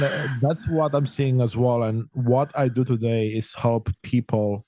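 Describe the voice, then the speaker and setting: There's no echo on this recording of a man with a medium-pitched, slightly mellow voice. He is a middle-aged life coach from Romania, a guest on a podcast, speaking in long, flowing, earnest, reflective sentences in a conversational interview.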